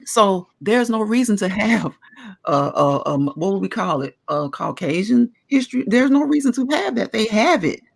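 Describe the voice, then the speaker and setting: A woman's voice: medium pitch, animated, normal speed, creaky. A woman in her forties talking at length in a casual discussion, earnest and emphatic as she explains her views. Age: 40s.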